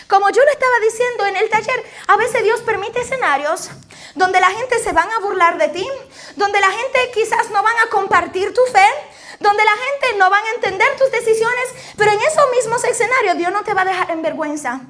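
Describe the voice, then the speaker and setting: A woman pastor preaching a lively sermon to a congregation, laughing often and calling out praises. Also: extremely high pitch, moderate pace. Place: church in front of a congregation.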